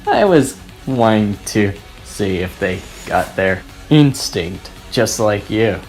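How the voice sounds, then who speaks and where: A man's voice: on the low side, expressive, slow, a little mellow, faint music behind. A man voicing a teenage boy hero with alligator powers and a put-on Southern accent. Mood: chiding. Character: teen boy hero with gator powers, drawling.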